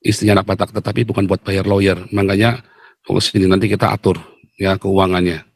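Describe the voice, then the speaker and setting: A middle-aged man preaching an impassioned sermon, swinging between loud high outbursts and low asides and acting out quoted voices. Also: flat delivery, a little fast, vocal fry, husky, no room sound.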